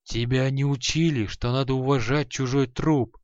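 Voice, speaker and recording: A sour, grumbling old sorcerer, as a male reader puts him on scoffs in a lowered, muttering voice. The audiobook sounds dull and lo-fi. The booth is dry, with no echo. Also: fairly even intonation, normal speed, a little mellow, lightly acted. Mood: angry. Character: grumpy dead old male sorcerer, spiteful teacher.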